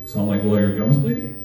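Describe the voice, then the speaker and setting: A man doing a crude, self-mocking stand-up set, telling stories and laughing along. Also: fairly low pitch. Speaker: stand-up comedian. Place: large hall with live audience. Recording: echoey hall, from far off.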